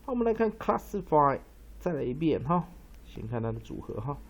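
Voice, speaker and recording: A male English teacher giving a pronunciation lesson, explaining at length with many drawn-out fillers and reading dictionary entries aloud. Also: fairly high pitch, very animated, creaky. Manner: reads dictionary entries slowly.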